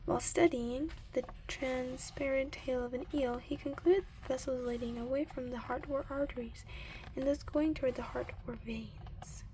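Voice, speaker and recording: A woman doing a soft-spoken ASMR reading from a book in a gentle, breathy voice that often sinks into a whisper, unhurried, with murmured asides. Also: sits high, slight background noise, poor audio.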